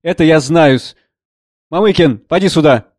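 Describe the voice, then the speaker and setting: A man's voice: on the high side, a little slow, darkish tone, no echo, clean studio sound, natural voice. A man voicing a burly, insolent man who talks down with sneering politeness. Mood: mocking. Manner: sneering, condescending.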